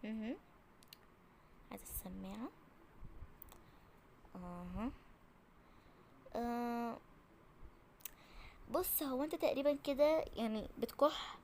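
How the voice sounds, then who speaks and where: A woman's voice: on the high side, slow, pauses often, a little mellow, slight background noise. A woman with an Egyptian accent voicing a flustered young female doctor in a game role-play, mock-serious and playful. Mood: calm.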